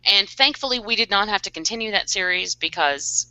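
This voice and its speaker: A woman's voice: medium pitch, brisk, bright, forceful tone, dry recording, poor audio. A woman co-hosting a live horror podcast, chatting bluntly with a cackling laugh. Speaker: podcast co-host. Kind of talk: casual chat.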